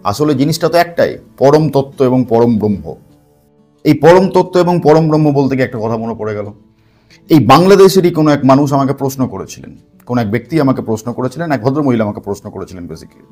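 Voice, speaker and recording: A man's voice: medium pitch, animated, fast talker, a little mellow, soft background music. A man giving a spoken commentary to camera, emphatic, with rhetorical questions, repeated phrases and English words mixed in. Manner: mixes English words into speech. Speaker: spiritual talk host.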